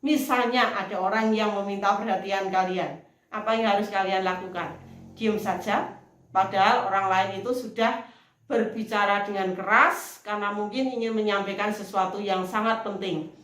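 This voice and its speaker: A woman teacher, explaining slowly in a recorded lesson and acting out model phrases in a loud, high voice. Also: steady tone. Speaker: English teacher. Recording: echoey room.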